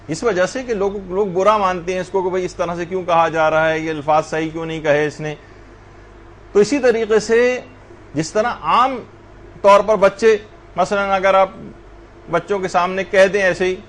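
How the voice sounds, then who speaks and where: A man's voice: fairly high pitch, slight background noise. A man teaching a religious class, lecturing earnestly and addressing his students directly.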